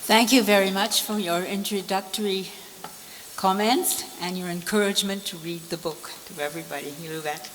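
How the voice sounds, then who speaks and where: A woman's voice: medium pitch, fairly even intonation, moderate pace, a bit bright. Woman hosting a ceremony from the podium. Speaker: master of ceremonies. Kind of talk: formal podium speech. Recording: echoey hall, noisy hiss.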